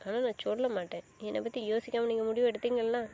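A woman's voice: on the high side, fairly even intonation, quick pace, warm tone, slight background noise, close to an everyday voice. A woman playing a hurt young wife in an amateur drama, scolding and insisting. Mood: angry. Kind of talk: amateur web drama acting.

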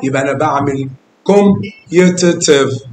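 A man's voice: a little high, normal speed, darkish tone, a little hiss or hum. A man with an Egyptian Arabic accent teaching math to a class of children, coaxing them with questions and calling pupils by name with endearments. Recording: echoey classroom.

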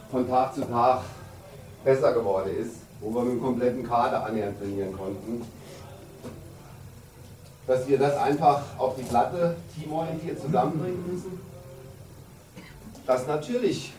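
A man in his fifties, a handball coach giving an emphatic, deliberate pre-game team talk with pauses for effect in a locker room. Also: medium pitch, a little mellow. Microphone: camera a few metres away. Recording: roomy, distant camera mic, background noise.

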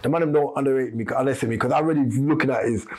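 Fast-talking husky man. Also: medium pitch, a little mellow. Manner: street-slang storytelling, rambling with restarts. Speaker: podcast guest. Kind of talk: casual storytelling interview.

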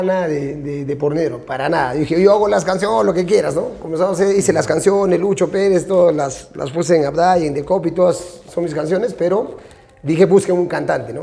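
A man's voice: on the high side, brisk, creaky, mellow. A man in his forties with a Peruvian accent, a band vocalist and songwriter talking frankly and animatedly in an interview, often ending with tag questions. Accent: Peruvian Spanish. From Peru. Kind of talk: casual interview talk. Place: small restaurant with brick walls.

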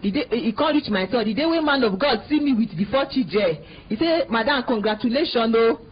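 A woman with a Nigerian Pidgin accent telling her story in an interview, animated and acting out what others said. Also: fairly high pitch, brisk, husky. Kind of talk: recounting a personal story. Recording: dull recording with faint noise.

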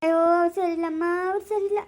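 A kindly old village grandmother soothes and comforts with repeated gentle words, as a woman acts her out. Her tone stays soft and protective. It plays as a homemade family drama. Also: very high voice, fairly even intonation, quick pace. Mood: consoling.

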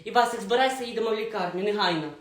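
A woman voicing a bossy, sharp-tongued, scheming middle-aged mother in a comedy sketch. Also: medium pitch, very fast, lightly acted. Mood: agitated. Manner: bossy and scolding. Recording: roomy echo.

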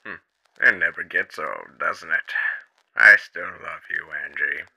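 A man voicing a suave, smug demon gentleman in a drawling, theatrical way for an amateur comic dub. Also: sits low, slow, creaky, husky, heavily acted, low-quality recording. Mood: smug, flirtatious.

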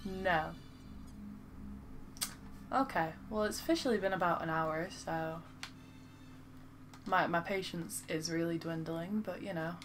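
A woman's voice: fairly low pitch, unhurried, pauses often, faint music behind. A woman with a Lancashire accent chatting casually on a game stream, self-mocking and reading viewers' comments aloud. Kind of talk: casual live-stream chat.

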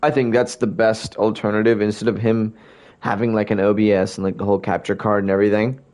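A man's voice: lowish voice, flat delivery, fast talker, a little mellow. A young man chatting casually to his viewers during a game stream, rambling and hiccuping as he talks. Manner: rambling, talks to chat, keeps hiccuping and burping. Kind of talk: casual livestream chat while gaming.

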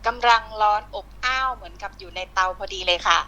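A woman from northern Thailand with a Northern Thai accent, speaking as an insurance agent guest over a phone call, polite and quick to laugh. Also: medium pitch, sharp tone. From Lampang, northern Thailand. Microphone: phone on an online call.

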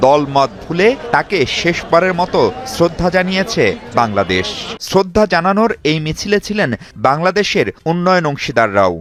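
A man reporter with a somewhat high voice reads a news report. His delivery is formal and steady, in a scripted style. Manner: formal measured narration.

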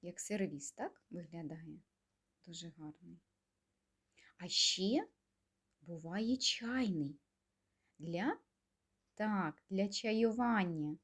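Slow, singsong kindergarten teacher woman. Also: lowish voice, expressive, breathy edge. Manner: slow, gentle, coaxing questions with pauses. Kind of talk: speech lesson for young children.

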